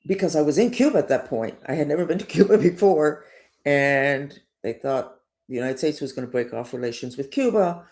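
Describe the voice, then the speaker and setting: Speaking a little fast in a voice that sits low, an older spiritual teacher wanders through a personal monologue. She is emphatic and digressive, with lively rises and falls in her delivery.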